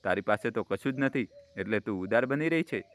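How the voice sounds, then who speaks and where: A man reading a family drama story aloud in Gujarati-accented narration, voicing every character in the same even reading voice. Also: fairly low pitch, brisk. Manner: reads every character in one steady voice. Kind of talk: scripted narration with acted dialogue.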